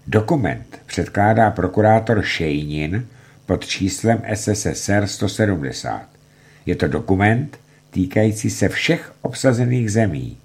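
A man with a low, husky voice reads a documentary narration in a declamatory manner. His delivery swings widely in pitch as he voices quoted reports and outbursts. The tone is grave and dramatic throughout. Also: darkish tone.

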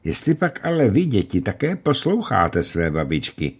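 Storybook noblewoman, gracious and condescending, read by a man; husky, lively. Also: lowish voice, pitched above the performer's own voice, heavily acted. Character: gracious noble lady, a princess.

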